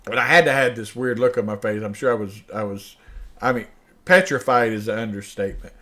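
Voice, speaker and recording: A man's voice: fairly low pitch, brisk. Older man telling a story. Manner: animated, acts out dialogue, laughs mid-sentence. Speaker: show host. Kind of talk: personal storytelling.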